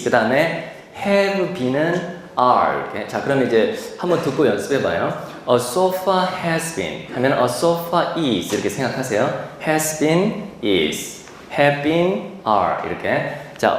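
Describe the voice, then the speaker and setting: A man's voice: medium pitch, a little hiss or hum. A male instructor lecturing a class, explaining vocabulary patiently and repeating key words. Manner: slows to model English pronunciation. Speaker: TOEIC instructor. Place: lecture room. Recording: echoey hall, distant mic.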